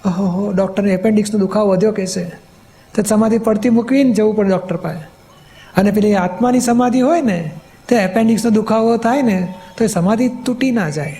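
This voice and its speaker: A man's voice: sits high, fairly quick, warm tone. A man, a spiritual teacher, patiently explaining in a question-and-answer talk, often checking that he is understood.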